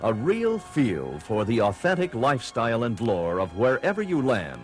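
A man narrates a travel promo with lively, swooping intonation over clear background music. The delivery is polished, florid and scripted to sell. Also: mid-range voice, normal speed. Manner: florid, salesmanlike.

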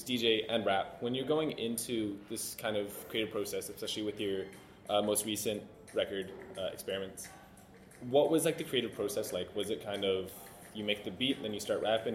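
A man hosting a casual interview, relaxed and full of "uh" fillers, on a low-quality recording from a loud room with a poor mic. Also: a little fast. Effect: low-quality recording from a loud room with a poor mic setup. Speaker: radio host interviewer. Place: loud room at an event venue. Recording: echoey low-quality recording with music behind.

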